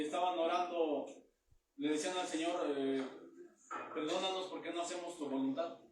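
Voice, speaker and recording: A man's voice: fairly high pitch, a little mellow, a little hiss or hum. A man preaching a Bible teaching sermon, reading verses aloud and then explaining them in plain words. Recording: very echoey room, mic far off.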